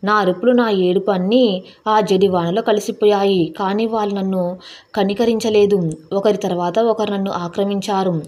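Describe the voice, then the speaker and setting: A woman's voice: mid-range voice, steady tone, moderate pace, a little mellow. Woman narrating a dramatic story.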